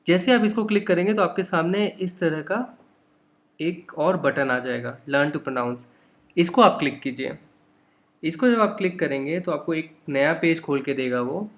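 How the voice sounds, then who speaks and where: Indian male teacher explaining a textbook. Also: on the high side. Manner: patient, explains line by line, mixes English into his talk. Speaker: English teacher.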